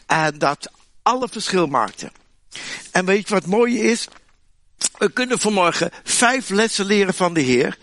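A man preaching a sermon in a chatty, humorous way, with asides to the listeners, animated and with many restarts. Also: high voice, no echo. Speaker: pastor.

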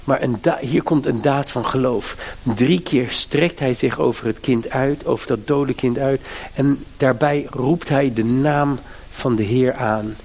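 A man's voice: mid-range voice, a little slow, a little mellow, slightly rough. A middle-aged man preaching a sermon, with fervent, emphatic appeals to his listeners. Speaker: pastor.

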